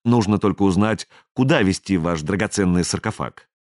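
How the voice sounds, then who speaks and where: A man's voice: low-pitched, moderate pace, darkish tone, no room sound, clean studio sound, natural voice. A man voicing a cautious young spacer who tries to sound important while bargaining, in an audiobook. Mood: wary.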